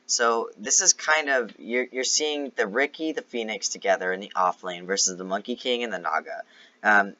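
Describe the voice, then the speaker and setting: Esports caster, male. Sharp, bright tone, explanatory play-by-play, slightly muffled lo-fi sound. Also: fairly low pitch, normal speed. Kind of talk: live esports match commentary.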